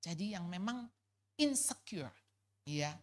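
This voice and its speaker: A middle-aged woman from gives a personal testimony at a church couples' fellowship, telling it in a lively, casual way with colloquial asides. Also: fairly low pitch, slow pace. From Jakarta.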